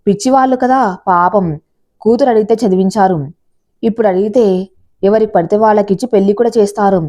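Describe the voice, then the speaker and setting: Brief: woman reads bitter young fiancé, sarcastic and scolding, mellow-toned storybook read. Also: medium pitch, steady tone, quick pace, natural voice. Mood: angry, sarcastic. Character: angry jealous young man, the fiancé uncle.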